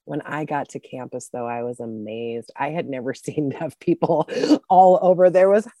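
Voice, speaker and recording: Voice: medium pitch, moderate pace, mellow, no echo. A sign language interpreter giving a live interpreter voice, speaking a deaf person's signed words in the first person for a news feature. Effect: live interpreter voicing a deaf speaker's signed words.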